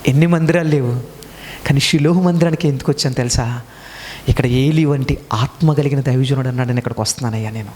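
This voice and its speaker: A man's voice: medium pitch, fast, a little mellow, slight background noise. A man preaching a sermon in speech, emphatic, with rhetorical questions and repeated phrases. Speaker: pastor. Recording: long hall reverb.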